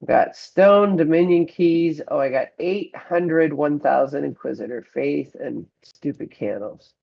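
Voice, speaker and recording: Her voice sits low and creaky, with a measured pace, as a woman plays a mobile game on stream at home. She chats casually while commenting on the rewards she gets; the audio is muffled and lo-fi.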